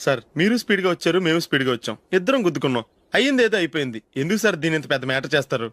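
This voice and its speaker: A wheedling fast-talking driver. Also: male voice, a little high, sing-song, a bit bright, no room sound. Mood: coaxing. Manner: wheedling, coaxing.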